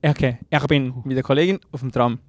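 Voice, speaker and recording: Young Swiss German man, casual co-host, rapid and rambling, bone-dry close sound, self-mocking storyteller. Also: mid-range voice, darkish tone, no echo. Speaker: podcast co-host. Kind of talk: casual chat.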